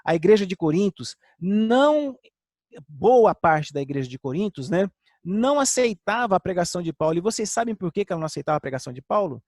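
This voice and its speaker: An older man preaching a sermon with personal testimony, earnest, sinking to soft lows and rising to emphatic highs. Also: big pitch swings, brisk, no room sound, studio quality.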